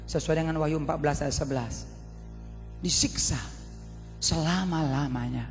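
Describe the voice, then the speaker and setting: A high-pitched man preaching to a large congregation, animated and theatrical, breaking into shouted lines. His voice rings with long reverb in a big hall, and faint music sits underneath. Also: moderate pace. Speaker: pastor. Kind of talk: sermon.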